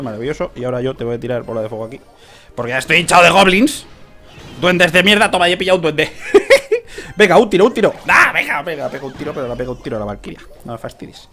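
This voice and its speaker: A man from Spain giving casual gameplay commentary, excitable, shouting at the game, cursing and laughing as he plays. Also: on the high side. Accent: Spain Spanish. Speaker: gaming youtuber.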